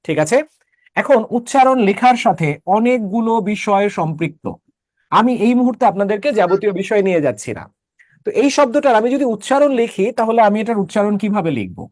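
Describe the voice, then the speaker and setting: A man with a high voice teaches a class. He explains patiently step by step and keeps asking whether students follow. The sound is close and dry. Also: lively intonation, fairly quick, a little mellow, no echo. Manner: explains step by step, checks understanding with questions. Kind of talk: online class lecture.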